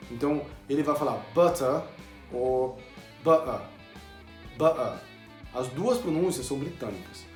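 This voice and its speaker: Brazilian-born male teacher, explanatory, repeats words slowly, roomy sound with faint guitar behind. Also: medium pitch, a little mellow. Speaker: English teacher. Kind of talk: video lesson.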